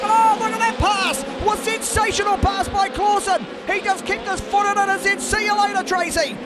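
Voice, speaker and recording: A man calling a race at a very high, strained pitch over loud crowd and engine noise, in full hype-announcer mode. He shouts excitedly and stretches out his calls to build the drama.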